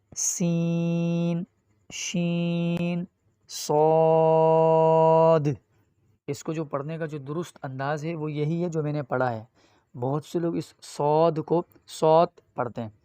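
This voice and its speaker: Man teaching, drawn-out letter recitation. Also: on the high side, darkish tone, dry recording, clean studio sound. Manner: addresses viewers directly. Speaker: Quran reading teacher. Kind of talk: online lesson.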